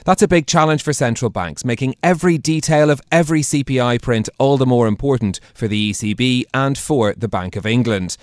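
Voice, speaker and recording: A man's voice: mid-range voice, a little fast, few pauses, dry recording, clean studio sound. A man presenting and interviewing as a broadcast news anchor.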